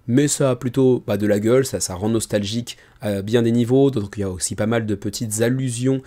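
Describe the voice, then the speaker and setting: Man, mellow tone, medium pitch, soft tired voice held back, informal presenter, close mic, self-deprecating. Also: fairly even intonation, fairly quick. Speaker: host of a board game crowdfunding video show. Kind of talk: casual presenter talk, kept low and soft. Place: small room indoors. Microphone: microphone about ten centimetres from the mouth.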